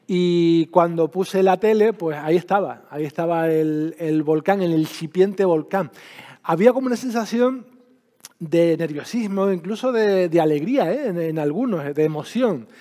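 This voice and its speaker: High male voice, mellow tone, reflective presenter, halting pauses. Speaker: event presenter introducing a speaker. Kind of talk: storytelling introduction to an audience. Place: public event in a large hall. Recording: echoey hall, long reverb.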